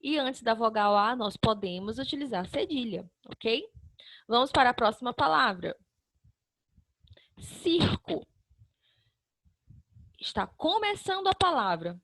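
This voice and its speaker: A high-pitched woman teaches young children in a recorded online lesson. She walks through each step patiently, sounding out syllables one by one and answering her own questions. The sound is dry and close, with no room echo. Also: sing-song, a little slow, pauses often, fairly bright tone. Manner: asks the class questions and answers them herself.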